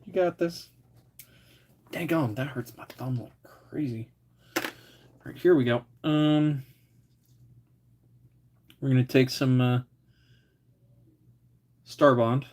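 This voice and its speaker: A man's voice: mid-range voice, fairly even intonation, takes it slowly, pauses often. A man hosting a casual livestream, muttering to himself as he builds models and chatting with viewers now and then. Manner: mutters to himself while working, drifting quiet. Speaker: livestream host. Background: faint air compressor hum.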